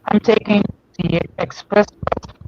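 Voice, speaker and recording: A man's voice: high-pitched, fairly even intonation, slow pace. Man on a glitchy, breaking-up call. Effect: choppy, garbled call audio that keeps breaking up and sounds underwater. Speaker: call-in guest. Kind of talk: casual chat over a call. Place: on a public bus. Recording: muffled call line with loud noise.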